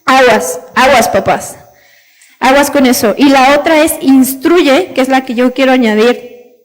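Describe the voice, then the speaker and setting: High-voiced Mexican woman preaching. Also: unhurried. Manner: lively, acts out quoted parents in a raised voice, laughs often. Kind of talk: sermon.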